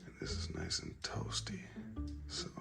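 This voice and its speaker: A man vlogging in a soft whisper indoors early in the morning, tired from little sleep. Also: a little slow, loud music behind the voice. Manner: whispering softly. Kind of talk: casual vlog chat.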